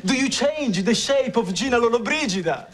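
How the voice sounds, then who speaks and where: A vain, dramatic Italian assistant. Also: male voice, very high-pitched, lively intonation, moderate pace. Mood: melodramatic. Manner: melodramatic, self-adoring, theatrical outbursts. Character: vain excitable Italian male office assistant Stefano. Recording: noisy 1990s TV sitcom soundtrack.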